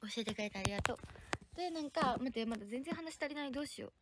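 Bubbly high-voiced young woman livestreamer. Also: expressive, racing, very noisy. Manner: bubbly, thanks viewers often, mixes in English words. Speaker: livestream idol host reading viewer comments. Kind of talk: casual livestream chat.

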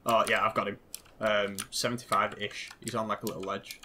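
A man's voice: on the low side, brisk. A man calling out enemy positions to his squad while gaming. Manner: lively, reporting positions. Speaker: gamer. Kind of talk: casual squad callouts. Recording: noisy game audio. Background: gunfire.

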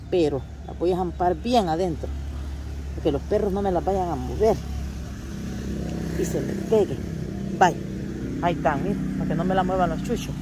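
A woman's voice: fairly low pitch, warm tone, a little hiss or hum. Chatty older woman vlogging. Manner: chatty and homely, fond terms for viewers, searches aloud for words. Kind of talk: casual chat to camera. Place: rural yard and garden outdoors.

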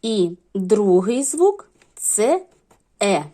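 A woman's voice: fairly low pitch, animated, unhurried, dark tone. A middle-aged woman teaching a lesson to young children, explaining patiently step by step. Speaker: primary school teacher.

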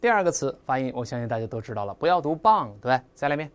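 Animated teacher acting out sounds. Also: mid-range voice. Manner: mimics sounds with lively onomatopoeia; spells out and slowly repeats English words. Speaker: English vocabulary teacher. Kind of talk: recorded vocabulary lesson.

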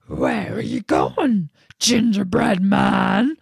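A big storybook bear growls out his words, loud and drawn out, as a woman reading aloud puts him on. He sounds gruff and forceful, with a dry, close sound. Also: medium pitch, huge pitch swings, very slow, dry recording, exaggerated voice. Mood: growling.

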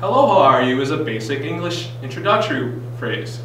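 A teenage boy hosting a deadpan comedy sketch, sliding into fast threatening Spanish. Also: on the high side, very echoey, far from the mic, slight background noise, low-quality recording. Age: teens. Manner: switches into rapid threatening Spanish. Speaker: comedy segment host.

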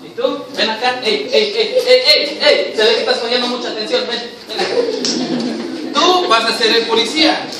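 A man's voice: extremely high pitch, moderate pace. A man directing an improvised comedy sketch, rambling with many fillers and bossing the actors around playfully. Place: church hall. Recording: echoey hall, far from the mic, noisy.

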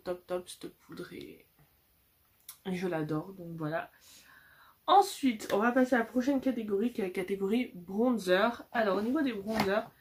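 Chatty young French woman reviewing makeup. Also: medium pitch. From France. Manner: chatty, many fillers and restarts. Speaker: beauty vlogger. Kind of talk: casual product review. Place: indoors at home with a lamp behind her. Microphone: phone camera.

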